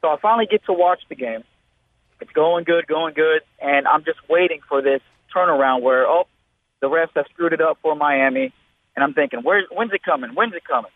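A man's voice: a little high, a little fast, dry recording. A man in his thirties calling into a radio show over the phone, telling a rambling story full of fillers. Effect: phone-line caller on a radio show. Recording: tinny phone line, dry.

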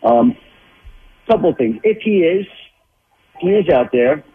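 Husky guy on a tinny phone line breaking down football, stumbles and restarts a lot. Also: on the high side, expressive, a little slow, faint music behind. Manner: thinking aloud with many restarts and repeated words. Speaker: NFL insider guest. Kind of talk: phone-in sports analysis.

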